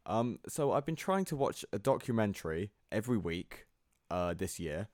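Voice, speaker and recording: A man's voice: fairly low pitch, big pitch swings, moderate pace, darkish tone, no echo, studio quality. A man co-hosting a podcast in casual chat, rambling and laughing easily. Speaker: podcast co-host.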